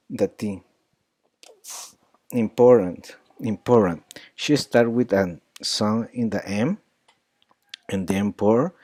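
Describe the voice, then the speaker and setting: A man teaching pronunciation, repeating words and phrases slowly to model the sounds. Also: fairly low pitch, dark tone, no room sound. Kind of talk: accent coaching lesson.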